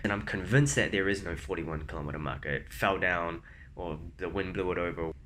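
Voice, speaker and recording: A man's voice: sits low, fairly quick, fairly bright tone, slight background noise. A young man casually telling the story of his marathon in a vlog, leaning on "like" and "man". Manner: laid-back, says "like" and "man" a lot. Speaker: vlogger.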